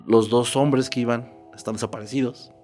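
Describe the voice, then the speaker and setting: Male storyteller, mid-pitch, relaxed horror narration over faint music. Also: moderate pace. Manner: conversational, checks in with "¿no?". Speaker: podcast storyteller.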